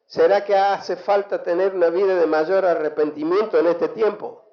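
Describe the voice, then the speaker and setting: A man's voice: high-pitched, steady tone, normal speed. A man with an Argentine Spanish accent, a pastor giving an emphatic sermon and calling for responses from the congregation. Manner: emphatic preaching with call-and-response. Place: church hall. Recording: echoey church hall, dull lo-fi sound.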